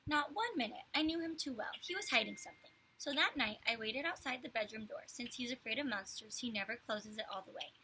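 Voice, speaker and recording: A woman's voice: on the high side, animated, brisk, few pauses, pushed and bright, slight background noise, rough recording. A woman voicing an exasperated preteen older brother who speaks in a sarcastic, matter-of-fact way. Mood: knowing.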